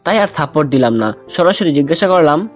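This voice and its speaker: A man narrates a first-person romantic story, chatting now and then with his listeners. His voice sits fairly high. Soft music plays behind him. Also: animated, fairly quick. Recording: music bed underneath.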